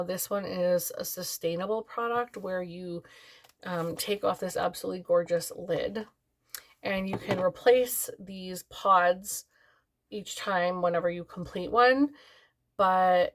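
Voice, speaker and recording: A woman's voice: fairly low pitch, fairly even intonation, measured pace. A tired, yawning woman chatting casually as a beauty vlogger, rambling with lots of fillers. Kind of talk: casual product review chat.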